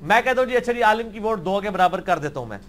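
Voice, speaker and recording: Blunt, argumentative man with high voice. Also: expressive, fairly bright tone, slight background noise. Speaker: religious scholar answering questions. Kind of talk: question-and-answer session.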